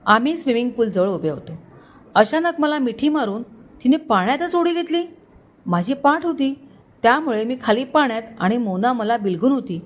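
A woman storyteller reading a romantic story aloud in a steady, expressive way. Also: fairly high pitch, normal speed. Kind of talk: scripted story narration.

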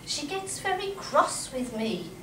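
An older woman gives a full character voice, high-pitched, sing-song, slow, pushed and bright, as a confused, childlike, querulous elderly mother in a staged play reading, her mood furtive and fretful. Recorded by a far camera on a small indoor stage, the sound is echoey, distant and noisy.

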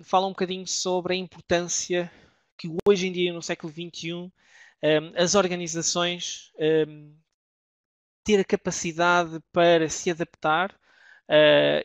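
A middle-aged man from Portugal with a European Portuguese accent, giving a webinar presentation with many pauses and restarts. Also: on the high side, creaky, fairly bright tone, no room sound. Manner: hesitant, many filler sounds and restarts.

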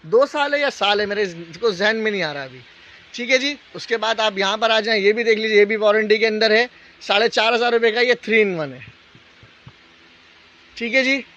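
A man with a Pakistani accent giving a casual, unscripted live sales pitch as a shop salesman, repeating prices and tag phrases. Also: normal speed, bright, forceful tone. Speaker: shop salesman hosting a live sale video. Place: indoor appliance store, walking the aisles. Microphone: handheld phone. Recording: dull lo-fi phone audio, shop noise.

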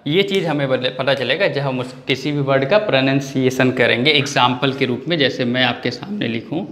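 A man's voice: mid-range voice, fairly quick, fairly bright tone, echoey room. A male English grammar teacher giving an online lesson in speech, who keeps asking questions and answering them himself. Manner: asks questions and answers them himself, repeats key points.

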